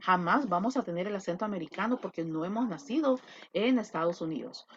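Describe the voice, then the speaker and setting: A Salvadoran woman teaching an online class, talking bluntly with animated asides. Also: mid-range voice, fairly quick, dull audio, a little hiss or hum. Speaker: English teacher.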